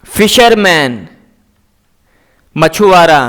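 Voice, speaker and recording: A man teaching English words, saying each word and its meaning twice in a slow, deliberate drill. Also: a little high, animated, fairly bright tone.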